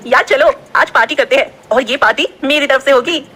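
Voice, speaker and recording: A woman voicing a loud, dramatic young female student who shouts and gets excited easily. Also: sits high, brisk, voice pushed up.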